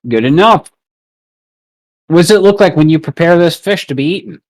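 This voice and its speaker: A man's voice: on the high side, lively intonation, moderate pace. A man running a tabletop game as game master, narrating loosely and casually with some swearing.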